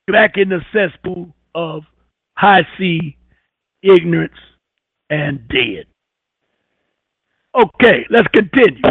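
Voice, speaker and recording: High-voiced man preaching over a phone line. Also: no echo. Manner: preachy and scornful, hammering points by repetition. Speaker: radio show host. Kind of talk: emphatic talk radio lecture. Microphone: telephone.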